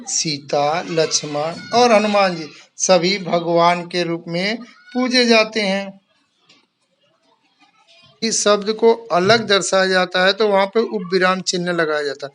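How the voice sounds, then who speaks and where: High-voiced male teacher explaining grammar. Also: fairly bright tone. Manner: explains step by step, reads out example sentences; addresses pupils kindly as "my children". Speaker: school teacher. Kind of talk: online Hindi grammar lesson for children.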